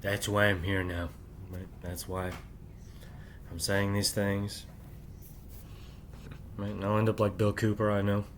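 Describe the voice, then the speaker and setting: A middle-aged man, the channel's host, talks alone to the camera late at night in a lowish, completely flat voice. He speaks at a measured pace with frequent pauses, rambling and tacking "right?" onto nearly every thought. He keeps his voice down so his sleeping family won't wake, and there's slight background noise.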